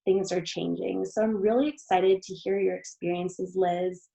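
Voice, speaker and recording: A woman's voice: fairly low pitch, steady tone, normal speed, gravelly, dark tone, poor audio. A young woman hosting, giving an earnest, enthusiastic formal introduction of a guest speaker. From Canada.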